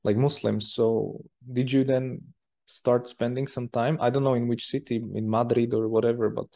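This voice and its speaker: Young host on a video call, gravelly voice, easygoing questions. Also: male voice, mid-range voice, moderate pace. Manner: relaxed, asks questions with fillers. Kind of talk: casual video-call interview. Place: indoor room.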